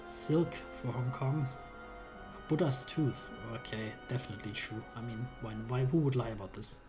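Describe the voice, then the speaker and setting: A man playing a story game, reading its text aloud and dropping calm, wry side comments. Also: mid-range voice, unhurried, music in the background.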